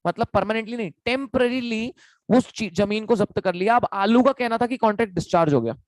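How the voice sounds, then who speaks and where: A man's voice: high-pitched, quick pace, dry recording, poor audio. Man teaching a law class, repetitive. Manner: repeats key points and asks the class questions. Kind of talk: online lecture.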